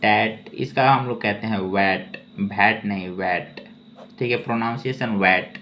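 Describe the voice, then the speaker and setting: At a normal speed, a man teaches English word reading in a slow spelling lesson, spelling each word letter by letter and repeating it, with frequent "okay"s. His voice is on the low side and a bit bright. It's a dull, lo-fi recording with faint ambient noise.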